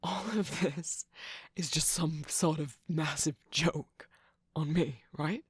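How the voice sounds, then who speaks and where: A performer voicing a sly, manipulative male cookie trickster in an ASMR roleplay, teasing and sarcastic, mostly in a soft whisper. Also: medium pitch, fairly even intonation, slow, husky.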